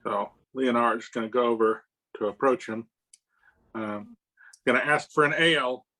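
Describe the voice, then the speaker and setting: A man's voice: mid-range voice, normal speed, sharp tone, poor audio. A man as a player in a tabletop role-playing game, hesitant and stammering. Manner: hesitant, stammering in-character speech.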